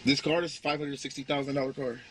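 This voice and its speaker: A man's voice: medium pitch, little pitch movement, quick pace, fairly bright tone. A young man bantering casually in a prank video, playful and often repeating himself. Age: young adult. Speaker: prankster husband. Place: inside a parked sports car. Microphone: handheld camera in the car. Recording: noisy car interior with vehicle sound.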